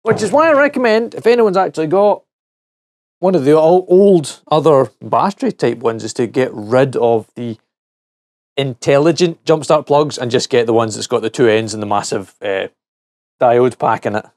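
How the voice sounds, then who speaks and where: A man's voice: medium pitch, lively intonation, moderate pace, no room sound, clean studio sound. Chatty man reviewing gadgets. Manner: chatty and jokey, talks to himself while working. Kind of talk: casual hands-on product teardown.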